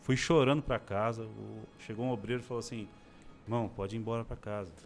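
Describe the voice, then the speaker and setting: Faint music plays behind a man in his forties whose low, creaky voice moves fast. As an interview guest he tells his personal testimony casually, animatedly acting out the voices of people he quotes.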